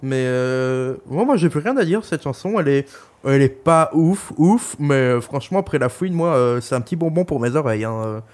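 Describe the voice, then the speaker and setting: A man's voice: medium pitch, expressive, a little fast, a little mellow. Young male podcast co-host, loose jokey chat, crude humor, filler-heavy rambling. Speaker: podcast co-host reviewing an album. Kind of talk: casual chat.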